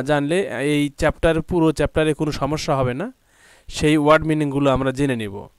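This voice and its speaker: A man teaching an English vocabulary lesson, spelling words out and repeating them slowly. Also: on the high side, clear, resonant tone, no echo. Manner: slow, drawn-out pronunciation drills.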